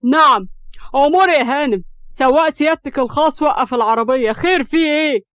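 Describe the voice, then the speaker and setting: A woman with an Egyptian accent voicing a hot-tempered young man who snaps sarcastically and shouts in anger. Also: fairly high pitch, fast, smooth, no echo, close to an everyday voice. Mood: heated sarcastic.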